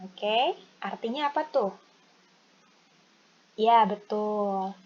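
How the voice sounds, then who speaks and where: A woman English teacher with an Indonesian accent, explaining a lesson and modeling phrases slowly for students to repeat. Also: mid-range voice, darkish tone. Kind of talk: recorded classroom lesson. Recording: dull lo-fi recording with faint noise.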